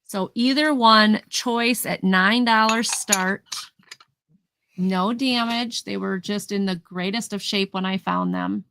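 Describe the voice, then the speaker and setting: A woman's voice: medium pitch, fairly even intonation, slow, gravelly, fairly bright tone, a little hiss or hum. A woman hosting a casual live vintage sale, chatting as she describes each item in detail and counts down the sales. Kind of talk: casual live-stream selling.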